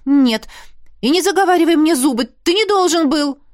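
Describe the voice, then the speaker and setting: A woman voicing an indignant, hot-tempered young female student who shouts in angry bursts. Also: lively intonation, normal speed, no echo, clean studio sound. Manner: shrill, exclaiming in angry bursts.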